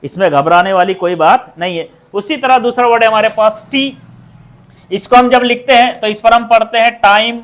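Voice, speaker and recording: A woman with an Indian accent teaching English pronunciation, repeating each word several times and asking quick questions to check the class. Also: a little high. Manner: drills words by repeating them, asks quick check questions. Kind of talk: pronunciation lesson.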